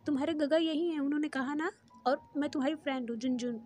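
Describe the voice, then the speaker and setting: A woman's voice: sits high, fairly even intonation, fast talker, darkish tone, faint music behind, natural voice. A woman doing a bubbly little schoolgirl. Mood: friendly. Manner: chatty and bubbly. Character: cheerful bold little schoolgirl.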